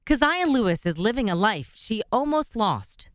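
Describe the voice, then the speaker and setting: A woman reporting a news story, then chatting with anchors in a TV studio, with a steady, earnest delivery. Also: on the high side, moderate pace.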